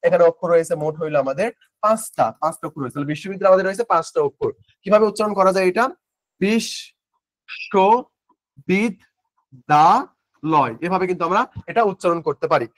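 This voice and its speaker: Young male tutor, fairly high voice, asks and answers himself, dry close mic. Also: rapid-fire, dry recording. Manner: asks questions and answers them himself, repeating key terms; informal, mixes English words into speech. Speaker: admission test tutor. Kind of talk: online exam-prep lecture.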